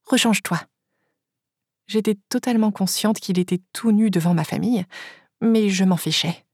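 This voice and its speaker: Brief: woman narrator, husky voice, dry close sound, steady first-person audiobook reading. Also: medium pitch, moderate pace, no echo.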